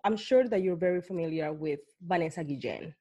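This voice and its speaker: A woman's voice: lowish voice, expressive, fairly quick, mellow, slightly rough. A woman from Colombia, hosting an interview and asking earnest, searching questions with many fillers. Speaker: host. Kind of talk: conversational interview.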